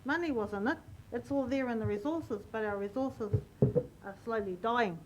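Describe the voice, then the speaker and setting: A woman's voice: fairly high pitch, highs cut off, slight background noise. Impassioned New woman at council. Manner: emotional, halting, repeats phrases. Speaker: Māori representative at council meeting. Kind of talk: impassioned meeting address. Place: council chamber.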